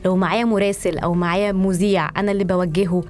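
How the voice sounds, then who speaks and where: A woman's voice: mid-range voice, fairly even intonation, racing, a little mellow, a little hiss or hum. A woman in her thirties with an Egyptian accent in a conversational studio interview, mixing English words and phrases into her Arabic. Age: 30s. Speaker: podcast guest, journalist and producer.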